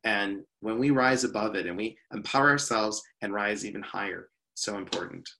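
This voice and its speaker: A man's voice: fairly low pitch, normal speed, gravelly, bright, forceful tone. Upbeat man, guest speaker. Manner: upbeat, repeats "you know". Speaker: workshop leader and speaker. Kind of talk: interview guest.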